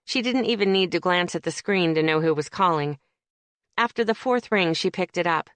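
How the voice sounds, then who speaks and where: A woman narrating a romance audiobook in an expressive, wry storytelling manner. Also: lowish voice, moderate pace, no room sound. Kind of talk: scripted narration.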